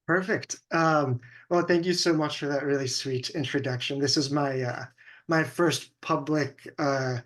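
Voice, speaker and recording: A man's voice: fairly high pitch, steady tone, a little slow, fairly bright tone. A young man from California, a guest in an interview, talking earnestly and thoughtfully as he searches for words. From California, USA. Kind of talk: conversational interview.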